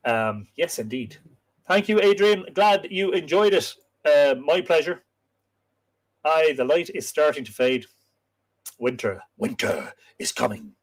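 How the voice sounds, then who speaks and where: Hosting a live myths show, this storyteller speaks with an Irish accent in a fairly high, lively voice, taking his time. His lilting delivery carries him through a casual stream as he chats over viewer comments.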